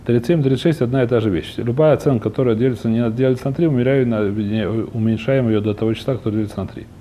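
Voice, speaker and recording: A man's voice: medium pitch, quick pace, warm tone, slight background noise. A man teaching an informal religious text lesson, often searching for words and rephrasing as he explains and translates. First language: not a fully fluent Russian speaker by own account.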